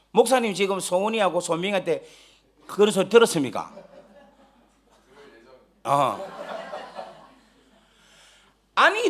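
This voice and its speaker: A man preaching a sermon, telling stories animatedly, joking with the congregation and rising to shouts when stirred. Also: very high voice. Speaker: guest pastor. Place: church sanctuary during a live service.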